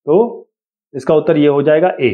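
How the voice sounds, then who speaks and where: Male teacher, casual explainer, slightly high voice, tinny phone-like recording. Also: fairly even intonation. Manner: casual, explanatory, reads questions slowly. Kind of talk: explaining an exam lesson.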